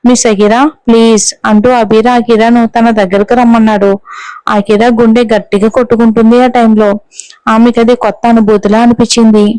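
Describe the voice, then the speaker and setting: A woman narrating a serialized romance audio story in a steady storytelling manner. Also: on the high side, a little fast, dry recording, poor audio. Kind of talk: scripted narration.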